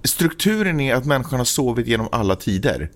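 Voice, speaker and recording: A man's voice: mid-range voice, big pitch swings. A man co-hosting a casual podcast, rambling and joking, often restarting his sentences. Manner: rambling, self-interrupting, joking. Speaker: podcast co-host. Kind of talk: casual chat.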